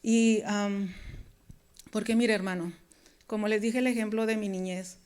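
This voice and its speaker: A woman's voice: medium pitch, steady tone, a little slow, a little mellow, smooth. A woman preaching a sermon, talking to her congregation in an earnest, conversational way. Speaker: preacher and worship leader.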